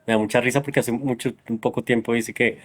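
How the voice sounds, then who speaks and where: A man's voice: mid-range voice, steady tone, fast talker. A man with a Colombian accent explaining his ideas at length in a reflective conversation. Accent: Colombian Spanish. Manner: explanatory, thinks aloud. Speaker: psychologist host.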